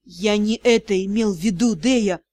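A woman voicing a young male magister in a hushed, hoarse way. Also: mid-range voice, normal speed, voice pushed down, close to an everyday voice. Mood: pleading. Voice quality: hoarse, muffled.

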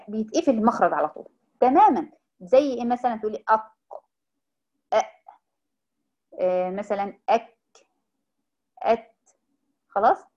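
Quick-talking Egyptian woman teacher. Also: a little high, darkish tone, highs cut off. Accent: Egyptian Arabic. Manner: explains step by step with frequent check-ins. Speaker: Quran recitation teacher. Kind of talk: informal recorded lesson.

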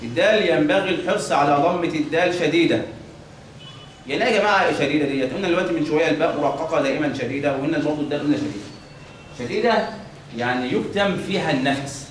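An Egyptian man gives a religious lesson on pronunciation, often asking his class a question and then answering it himself. His voice sits a little high. He sounds far from the mic in a very echoey room with a faint hiss behind him. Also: very fast. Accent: Egyptian Arabic. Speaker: teacher of Quran recitation rules.

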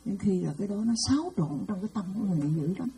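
A woman's voice: medium pitch, expressive, racing, warm tone, husky, low-quality recording. A woman Buddhist nun giving a dharma talk, telling stories with frequent hesitant fillers.

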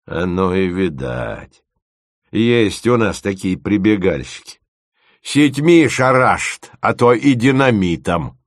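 A man voicing a crafty, boastful old village fisherman who drawls in a slow, folksy way. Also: sits low, sing-song, dry recording, clean studio sound, exaggerated voice. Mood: drawling, folksy.

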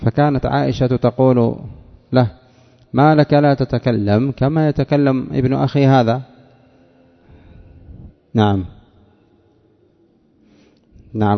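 A creaky, mid-range male voice teaches Arabic morphology as a sheikh, repeating examples and quizzing his students by name during a classroom lesson. The sound is dull and lo-fi, with the reverb of a large hall.

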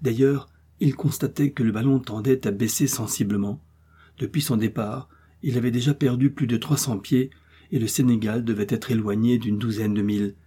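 A man narrates a classic adventure novel in a steady, measured reading. His voice is dark and mellow, with a slightly husky edge at a mid pitch. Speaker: audiobook reader. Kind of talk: scripted audiobook narration.

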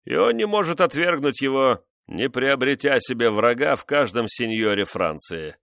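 A man's voice: mid-range voice, expressive, gravelly, a bit bright, no echo, studio quality, voice pushed up. Man playing a cruel, mocking nobleman. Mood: menacing. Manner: mocking, menacing, measured. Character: cruel vengeful nobleman, menacing husband.

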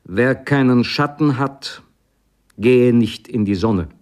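A man reading the lines of a stern elderly male painter, a professor, in a measured, admonishing way. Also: medium pitch, a little mellow, pitched above the performer's own voice, close to an everyday voice.

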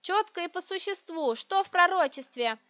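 A woman's voice: sits high, animated, brisk, a bit bright, pitched above the performer's own voice. A woman voicing an imperious, sarcastic young sorceress who talks in cold, demanding tones. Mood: cutting. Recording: dry, dull lo-fi recording.

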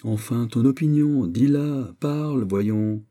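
A male reader voicing a vain, excitable young prince in an audiobook. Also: mid-range voice, slow pace, voice pushed up, lightly acted. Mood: petulant. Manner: fussy, excitable, self-admiring. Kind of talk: audiobook character reading.

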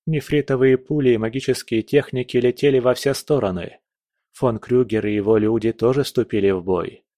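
Man narrating a fantasy audiobook, dry sound. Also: dry recording. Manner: raises pitch and volume for shouted dialogue lines.

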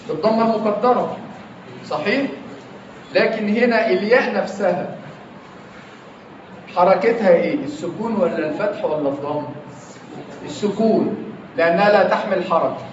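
In an echoey classroom, a man with an Egyptian Arabic accent teaches grammar and keeps asking his students the same questions. His voice is high, and the distant, dull lo-fi recording carries slight background noise.

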